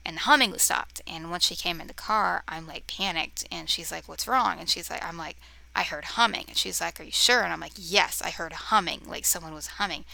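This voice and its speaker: A young woman tells ghost stories in a loose, rambling way, full of fillers and sudden dips into a whisper. Her voice is bright with a gravelly edge. She records on a cheap camera mic in her room at home. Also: lowish voice, fairly even intonation, brisk. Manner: rambling, many fillers, often drops to a whisper; easily distracted, talks to her cat. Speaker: vlogger. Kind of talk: casual storytelling to camera. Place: bedroom near a road, windows open.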